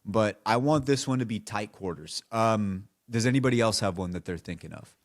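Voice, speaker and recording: A man's voice: fairly low pitch, normal speed. A man hosting a casual gaming podcast, talking in a laid-back, rambling way and repeating his phrases. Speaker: podcast host.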